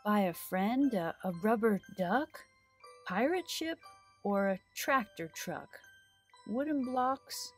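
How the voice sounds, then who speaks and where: This children's library storytime host, a middle-aged woman, takes it slowly with a mid-range voice and lively intonation, exaggerated and sing-song as she talks to young viewers and reads aloud. Faint music sits behind her on a small, decorated indoor set.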